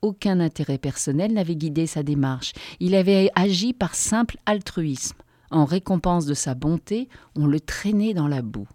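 A woman reading a first-person story aloud as an audiobook narrator, measured and expressive. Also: low voice, dry recording, clean studio sound.

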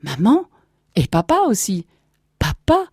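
A woman voicing an excitable middle-aged male space captain who stammers and exclaims in a breathless rush. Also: mid-range voice, a little slow, dry recording, clean studio sound, pitched above the performer's own voice. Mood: overjoyed.

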